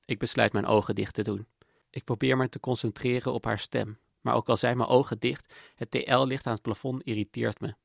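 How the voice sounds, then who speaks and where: A man giving calm, matter-of-fact, intimate first-person narration in a scripted documentary. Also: mid-range voice, fairly quick, vocal fry, dry recording. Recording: dry close voice-over with faint music.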